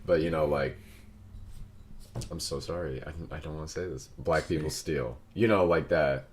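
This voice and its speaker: A man's voice: very deep voice, normal speed, breathy edge. A young man co-hosting a podcast in casual chat. He rambles and hedges, restarting his sentences often. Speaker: podcast co-host.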